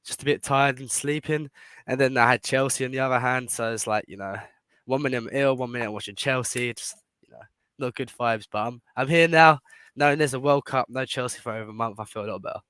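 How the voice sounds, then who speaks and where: A British man with a bright, forward voice chats casually about football as a fan show guest. The sound is close and dry, with no room on it. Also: medium pitch, fast talker, clear, resonant tone, no echo. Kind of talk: casual football opinion chat.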